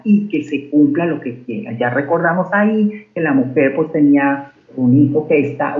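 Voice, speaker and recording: A woman retelling Bible stories in a lively conversational way, acting out the quotes and often asking "right?". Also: low voice. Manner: animated storyteller, acts out quotes, keeps asking "right?". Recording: echoey, phone-like line.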